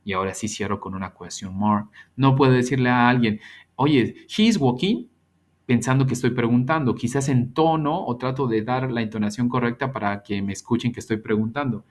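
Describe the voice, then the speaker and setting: A male teacher, his voice sitting at an ordinary middle pitch. He explains patiently, slowing down to repeat example sentences one by one for his students. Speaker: English teacher. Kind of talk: recorded grammar lesson.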